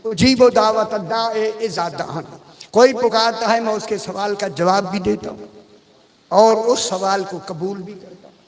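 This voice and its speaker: Brief: male religious scholar, high pitch, chatty storytelling delivery, long hall echo. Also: unhurried. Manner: conversational storytelling, addresses the audience directly. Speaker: religious scholar giving a majlis sermon. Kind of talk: Urdu majlis sermon with anecdotes.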